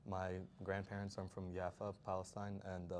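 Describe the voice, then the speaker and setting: A man's voice: low voice, monotone, moderate pace, darkish tone, slight background noise. A man from Jordan introducing himself as an interview guest in short, plain statements.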